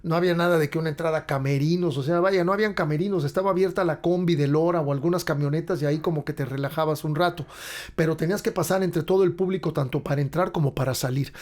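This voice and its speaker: A man's voice: on the high side, quick pace, a little mellow. Mexican man telling rambling stories. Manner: rambling anecdotal telling with slang. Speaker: podcast host and rock musician. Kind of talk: casual storytelling monologue.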